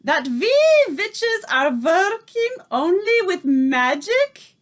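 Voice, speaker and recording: A woman reading aloud, voicing the tiny Grand High Witch, a furious and commanding female witch leader who shouts and speaks in odd broken grammar. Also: sing-song, takes it slowly, full character voice. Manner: shouting, shrieking, odd foreign-sounding grammar.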